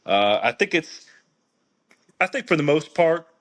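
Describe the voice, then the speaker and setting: A man's voice: a little high, big pitch swings, unhurried, fairly bright tone. Chatty man hosting a podcast quiz. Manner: chatty, lots of fillers and restarts while reading quiz. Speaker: podcast host running trivia. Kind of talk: casual podcast chat.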